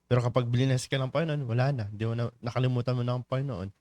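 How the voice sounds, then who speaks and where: A man's voice: medium pitch, steady tone, racing, darkish tone, dry recording. A man with a Filipino accent leading a morning church devotion in a conversational way, often asking the listeners questions and teasing them. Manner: conversational, teasing the congregation, many tag questions. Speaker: devotion leader.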